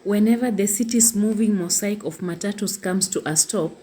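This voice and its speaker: A woman reading a scripted narration in a measured, formal way. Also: medium pitch, mellow, slightly rough. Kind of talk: scripted narration, read aloud.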